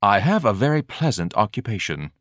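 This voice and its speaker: A man's voice: fairly low pitch, very animated, brisk, a bit bright, dry recording, clean studio sound. A man playing a pompous, haughty vendor. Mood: icy. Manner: grandiloquent, lofty and disdainful. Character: pompous fat male hot-dog vendor, haughty and fussy.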